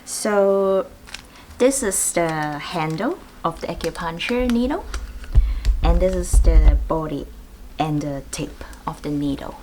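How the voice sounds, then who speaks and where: Speaking slowly in a lowish voice, a woman acupuncturist leads a clinic demonstration, explaining the needles patiently one step at a time with light laughter. She's the host, recorded on a distant mic with faint room noise.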